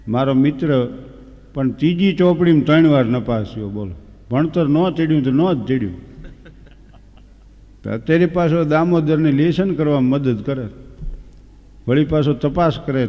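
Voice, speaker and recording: A man with a Kathiawadi Gujarati accent telling comic folk stories on stage, animated and slipping into quick voices for the people in his tales. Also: a little high. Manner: animated, switches into quick character voices for dialogue. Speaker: folk humorist. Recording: echoey hall, dull lo-fi sound.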